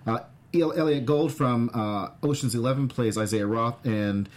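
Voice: mid-range voice, moderate pace. A host leading a casual chat about a TV show, talking with lots of fillers and restarts. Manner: chatty, many fillers and restarts. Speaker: podcast host.

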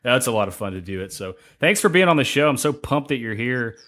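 A man's voice: mid-range voice, lively intonation, quick pace, a bit bright. A man hosting a podcast interview, chatting casually and with gushing enthusiasm. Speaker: podcast host.

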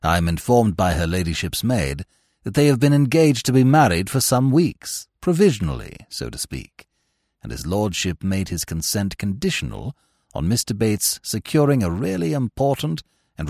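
A man voicing a deferential, unflappable valet who speaks in a formal, measured, low and soft way. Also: sing-song, vocal fry, no echo, clean studio sound, exaggerated voice. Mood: composed, formal. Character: deferential, unflappable male valet, middle-aged.

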